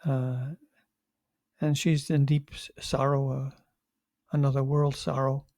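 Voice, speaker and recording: Gravelly priest giving a homily. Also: male voice, medium pitch, level tone, darkish tone, no echo. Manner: conversational, halting with restarts, wry asides. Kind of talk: homily reflection.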